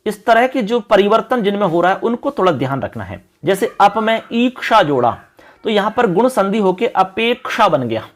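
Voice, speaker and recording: A man's voice: high-pitched, sing-song, normal speed. A man teaching an exam-prep lesson who explains step by step, repeats key terms, and keeps pointing things out to the students. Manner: repetitive, explanatory, often says "look".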